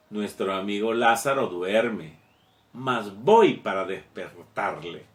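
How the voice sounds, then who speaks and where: A man preaches a sermon. He talks very slowly and haltingly, restarting his phrases. The room around him is echoey. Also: medium pitch. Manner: slow and halting, with many fillers and repeated words.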